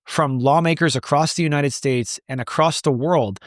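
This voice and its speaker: A man with a voice on the high side answers interview questions as the founder of an advocacy group, talking at normal speed. He speaks emphatically, repeating words as he builds his point. The studio-quality recording has no echo.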